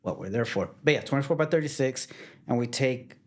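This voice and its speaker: A man who works as a wedding photographer, talking casually in an interview with a relaxed, plainspoken manner and frequent restarts. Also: medium pitch, a little fast.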